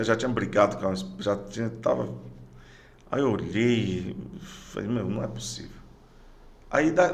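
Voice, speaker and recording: A middle-aged Brazilian police sergeant with a gravelly, lowish voice appears as a podcast guest, speaking with a Brazilian Portuguese accent. He gives personal testimony in casual conversation, halting, repeating words and restarting phrases.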